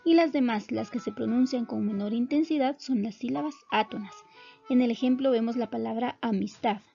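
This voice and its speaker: Female teacher, slightly high voice with a gravelly edge, soft music behind, dull lo-fi sound. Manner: clear, measured explanatory delivery. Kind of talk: recorded classroom lesson.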